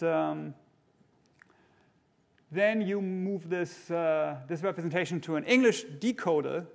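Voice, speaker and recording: On a large conference stage, a middle-aged man delivers a keynote lecture in a slightly high, gravelly voice. He explains things in a measured way, with fillers and restarts along the way.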